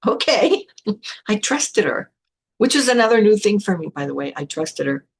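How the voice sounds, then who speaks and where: Gravelly older woman telling her story. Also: medium pitch, expressive, normal speed. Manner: frank and blunt, with casual swearing. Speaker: spiritual teacher hosting a podcast. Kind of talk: candid personal storytelling.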